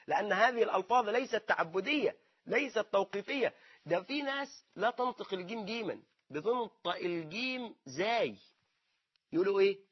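A man's voice: high voice, husky, dull audio. A man with an Egyptian accent giving a religious lesson, asking rhetorical questions and answering them himself. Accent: Egyptian Arabic. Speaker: Islamic scholar teaching.

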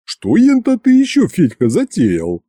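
A man voicing a formidable stout woman chief accountant, gruff and domineering, with blunt folksy speech and a booming manner. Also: wildly swooping pitch, unhurried, dark tone, no echo, studio quality, heavily acted. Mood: gruff, bossy.

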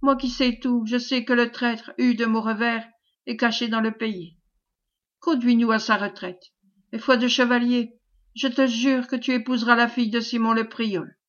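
Casting: a woman reading a hearty, teasing knight, round good-natured voice, slightly high, dull lo-fi storybook audio. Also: steady tone, normal speed, close to an everyday voice. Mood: serious. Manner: teasing, laughing. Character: jovial, hearty male knight, good-humoured.

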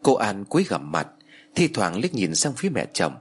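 A man narrating a horror story with expressive storytelling. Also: fairly low pitch, normal speed, husky. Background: faint music.

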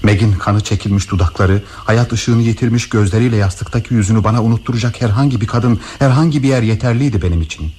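A man plays a widower pouring out a long-hidden love in a radio play. His deep, mellow voice stays slow and tender, with a faint hiss underneath. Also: lightly acted. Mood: tender, confessional. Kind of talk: broadcast radio drama acting.

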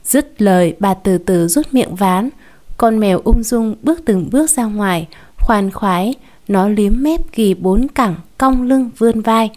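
A woman storyteller reading a short story aloud in a calm, even narration. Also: medium pitch, measured pace.

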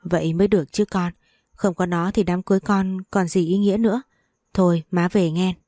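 A woman's voice: fairly low pitch, fairly even intonation, brisk, mellow, no echo, clean studio sound, close to an everyday voice. A woman voicing a wailing, selfish old mother. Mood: sweet. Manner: wailing, guilt-tripping.

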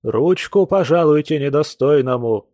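A man's voice: fairly high pitch, expressive, measured pace, a little mellow, no room sound, studio quality, voice pushed up. A man voicing a maudlin drunken old house guest. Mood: drunken pleading. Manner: wailing, churchy pompous phrasing.

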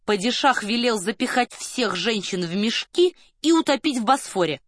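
A woman voicing a smiling, worldly male diplomat telling a tale in a wry, measured way. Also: a little high, expressive, a bit bright, dry recording, clean studio sound.

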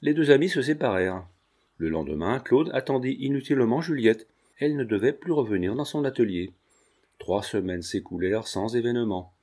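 A man narrating an audiobook with a measured, expressive reading. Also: mid-range voice.

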